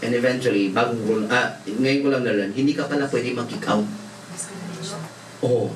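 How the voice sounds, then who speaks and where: A Filipino pastor preaches a sermon, telling stories with laughter and mixing in English. His voice is medium-pitched at a moderate pace, heard from far off in a roomy hall with faint noise.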